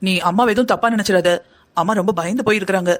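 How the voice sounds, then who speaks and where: A voice actor playing a gentle young man torn between his mother and his bride, speaking softly and placatingly in a cartoon drama. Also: mid-range voice, fast talker, natural voice. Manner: soft, placating.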